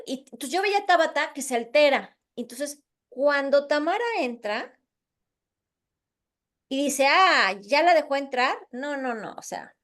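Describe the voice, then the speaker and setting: A middle-aged woman, an instructor telling an anecdote to her class, acting out the dialogue as she goes. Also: high-pitched. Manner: animated, acts out the dialogue. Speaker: course instructor. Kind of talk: lively storytelling in a class.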